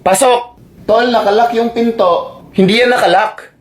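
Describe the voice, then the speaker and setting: A man's voice: extremely high pitch, moderate pace, background noise. A man acting in a comedy skit, bickering and exasperated.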